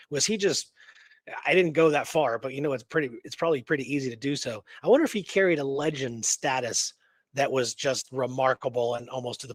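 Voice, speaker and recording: A male talk-show host discusses history and tells stories in an animated, informal, conversational way, peppering his talk with "you know what I mean." His voice is medium-pitched and the recording is dry.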